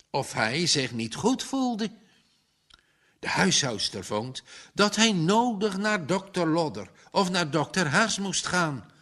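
A man reading a story aloud as narrator, measured and expressive. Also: on the high side.

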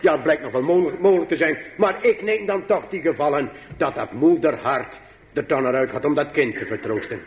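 A man preaching to his congregation, slow and emphatic, swinging between high pleading passages and low quiet asides. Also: lo-fi sound, slight background noise. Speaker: pastor. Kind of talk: sermon.

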